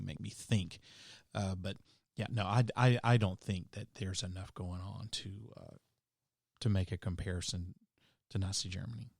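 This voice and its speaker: Low-voiced guy doing his solo podcast, opinionated, lots of ums, dry sound. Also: darkish tone, no echo. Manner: rambling, opinionated, many fillers and restarts. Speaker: podcast host. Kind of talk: casual solo podcast monologue.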